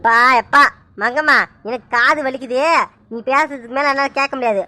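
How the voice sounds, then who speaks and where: A woman voicing a tired middle-aged village husband in a cartoon, calming his shouting wife with exasperation. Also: high-pitched, normal speed. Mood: exasperated. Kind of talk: cartoon dub acting.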